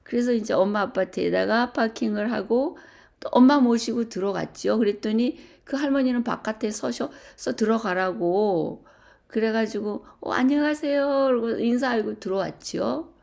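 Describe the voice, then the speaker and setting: A middle-aged woman telling a personal story to a church group, animated and full of hesitant fillers. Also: fairly high pitch, normal speed, gravelly. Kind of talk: casual storytelling.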